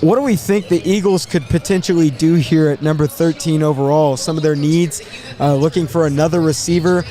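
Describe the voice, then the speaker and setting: A man hosting a casual live sports draft show, thinking aloud in a halting way and repeating words as he goes. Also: on the high side, steady tone, mellow, faint music behind.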